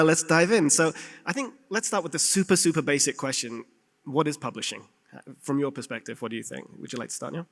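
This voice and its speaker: A man's voice: on the high side, fairly bright tone. A man moderating a game industry conference panel in a casual, upbeat way. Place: conference hall. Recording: reverberant conference hall.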